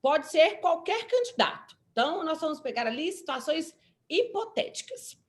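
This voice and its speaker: Brazilian woman lawyer on a panel, high voice that jumps all over. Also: normal speed. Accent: Brazilian Portuguese. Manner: animated, explanatory, acts out quotes. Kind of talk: panel discussion.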